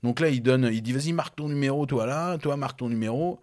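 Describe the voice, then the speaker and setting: A young man spins an animated story for a friend in loose, slangy casual chat. He laughs often as he talks. His voice sits at a middling pitch. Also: fast.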